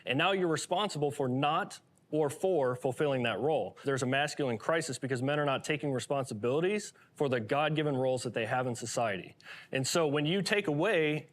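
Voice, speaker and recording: A man's voice: mid-range voice, expressive, fairly quick. A man on a panel discussion, arguing his point firmly. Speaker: panel guest.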